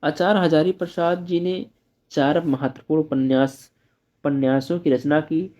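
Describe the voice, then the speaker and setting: A male teacher going through exam-paper answers, reading each answer slowly and explaining it simply. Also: fairly high pitch, steady tone, dark tone, muffled recording. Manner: reads answers aloud slowly, then explains in plain asides. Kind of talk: exam-prep lesson.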